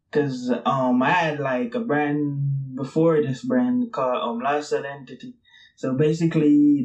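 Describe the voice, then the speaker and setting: Rambling young man, slightly high voice. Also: darkish tone, poor audio. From Brooklyn, New York. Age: 20s. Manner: rambling, loose, filler-heavy, swears casually. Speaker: streetwear brand founder and guest. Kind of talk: casual interview chat.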